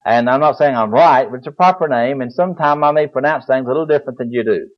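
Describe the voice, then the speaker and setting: A man's voice: mid-range voice, quick pace. An older man preaching a Bible lecture, explaining in a folksy way and spelling words aloud. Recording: dull lo-fi recording.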